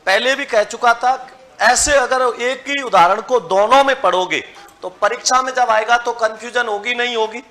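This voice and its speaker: A man with a sharp, very high-pitched voice teaches a Hindi grammar class as a lecture, testing students and getting them to echo lists back. He goes through each list slowly, one syllable at a time.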